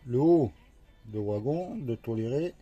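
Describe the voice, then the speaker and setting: Guy slowly scratching a lottery ticket, going letter by letter, dark husky voice. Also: medium pitch, lively intonation, muffled recording, faint music behind. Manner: slow, talking to himself, letter by letter. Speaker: scratch-card vlogger. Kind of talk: casual commentary while scratching tickets.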